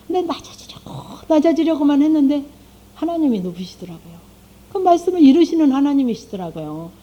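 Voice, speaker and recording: A middle-aged woman speaks to a congregation as a lay speaker, pitched a little high with a deeply mellow, dark tone. She talks conversationally, tosses rhetorical questions to her listeners and voices her own prayers aloud. The recording sounds dull and lo-fi. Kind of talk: church testimony talk.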